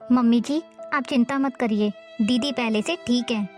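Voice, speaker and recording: A woman voicing the bride's gentle, polite mother who speaks with worry about her daughter. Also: a little high, measured pace, faint music behind, natural voice. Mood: concerned.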